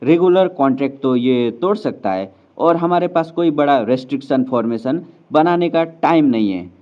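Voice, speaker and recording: A man voicing a cold, ruthless noble duchess speaking flatly. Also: on the high side, moderate pace, lightly acted. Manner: cold, flat. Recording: slightly dull lo-fi sound.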